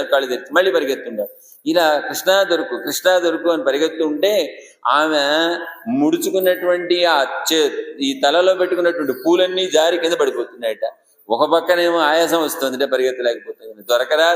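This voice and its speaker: A male preacher tells a devotional story with animated rhetorical questions. His voice sits a little high for a man. It is recorded in a temple hall with a long, roomy reverb. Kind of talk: Telugu religious discourse. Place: temple shrine.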